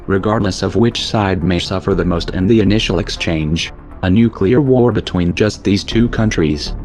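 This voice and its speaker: Man with a disguised deep voice. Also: a little mellow. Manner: grim, sardonic, declamatory. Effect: voice disguised to sound deep. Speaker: anonymous narrator. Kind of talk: scripted political narration.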